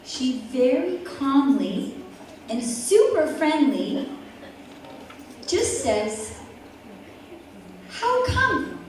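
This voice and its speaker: Slow, lively woman speaker in a hall. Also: sits high, a little hiss or hum. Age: 40s. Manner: vivid, dramatic pauses. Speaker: event speaker. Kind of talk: personal storytelling speech. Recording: echoey hall from far off, faint ambience.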